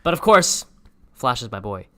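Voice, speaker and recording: A young man co-hosts a laid-back podcast. His voice is bright and clear. He laughs often, tells stories and acts out quoted bits. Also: medium pitch, sing-song, moderate pace. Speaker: podcast co-host. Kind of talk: casual chat.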